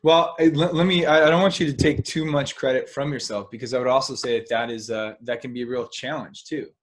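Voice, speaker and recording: A man hosting a podcast interview, asking thoughtful questions in a halting way with frequent restarts. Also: medium pitch, steady tone. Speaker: podcast host. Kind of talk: casual interview.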